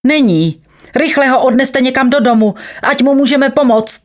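A woman's voice: high voice, voice pushed up, natural voice. A woman voicing a small, thin male doctor with a surprisingly strong voice, urgent and commanding in a storybook reading.

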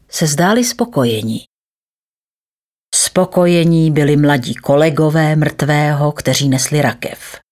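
Expressive woman reading a story. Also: deep voice. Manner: expressive, measured.

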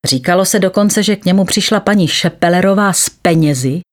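A woman reading a story aloud in a measured, expressive manner. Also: fairly low pitch.

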